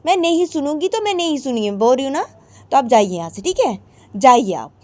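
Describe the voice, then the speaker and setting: A woman voicing an angry, defiant young wife who fires back indignant questions in a shrill voice. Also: expressive, moderate pace, a little mellow. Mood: dismissive. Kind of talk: amateur storytelling with acted voices.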